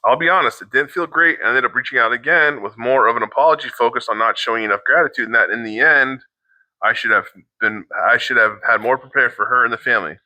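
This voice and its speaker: Middle-aged male co-host, sharp bright tone, dry close sound, reads posts aloud haltingly with blunt asides. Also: medium pitch, dry recording, poor audio. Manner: halting, restarts mid-sentence, swears in asides. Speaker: co-host reacting to online posts. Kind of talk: reading aloud with casual commentary.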